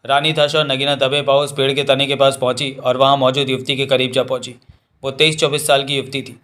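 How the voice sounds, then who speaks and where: A man reading a Hindi novel aloud as an audiobook narrator, voicing every character in the same steady way. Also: medium pitch, brisk. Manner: reads all characters in a nearly even voice.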